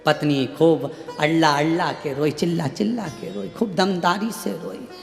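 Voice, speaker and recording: A man's voice: on the high side, moderate pace, vocal fry. A man preaching a sermon, telling a story and acting out its characters in short bits of dialogue. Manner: animated, acts out characters in dialogue. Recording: echoey hall with faint music.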